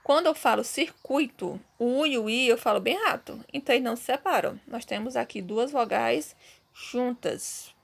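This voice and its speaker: In a recorded online class, a Brazilian woman teaches Portuguese, explaining patiently step by step and often checking in with her students. Her voice is a little high, with vocal fry, and she moves at a moderate pace.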